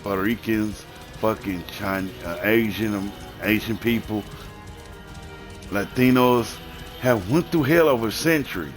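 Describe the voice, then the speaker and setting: A man with a very low voice rants on a live stream, heated and profane, circling back over the same points again and again. Faint music plays underneath him. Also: unhurried. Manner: heated, profane, repetitive ranting.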